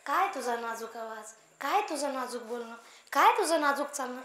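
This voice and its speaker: A woman playing a middle-aged mother-in-law who coaxes and gently chides her daughter-in-law. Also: high voice, expressive, normal speed, voice pushed down. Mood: coaxing. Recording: echoey hall.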